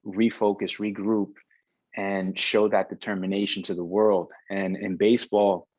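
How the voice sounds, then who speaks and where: Deep-voiced man, dry close sound. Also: flat delivery, a little slow, darkish tone, no room sound, lo-fi sound. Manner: rambling, many restarts. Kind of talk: casual conversation about baseball.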